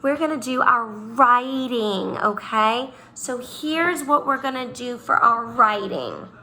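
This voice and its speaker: Slow, bright-voiced young woman teacher. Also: a little high, lively intonation, a little hiss or hum. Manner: slow, drawn-out, sing-song teacher talk. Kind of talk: recorded lesson for young children.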